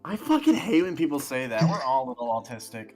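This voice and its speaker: A man's voice: mid-range voice, very animated, fast talker. A man with an ordinary mid-range voice riffs with friends over a story game. He rambles with "like" and "you know", swears freely and turns sarcastic. Faint music plays in the background. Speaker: co-player on a stream. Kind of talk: casual banter.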